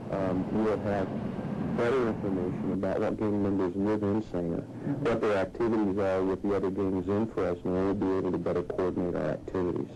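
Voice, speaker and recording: A man's voice: deep voice, little pitch movement, brisk. A man speaking as a police chief in a news interview, starting his answers with a few hesitant fillers, heard from a worn VHS tape copy. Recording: dull lo-fi worn tape with faint hiss.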